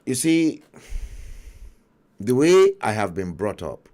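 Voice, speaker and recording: A middle-aged Nigerian man with a Nigerian accent, telling a story in an emphatic livestream monologue with dramatic pauses. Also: on the low side, sing-song, darkish tone. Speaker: talk show host.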